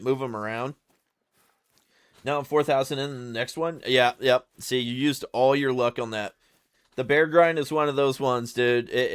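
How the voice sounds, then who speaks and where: A man with a clear, resonant, medium-pitched voice chats casually on a live stream while playing, laid-back and full of slang, calling viewers "brother" and "dude." He often stutters and repeats words, and the recording has no echo.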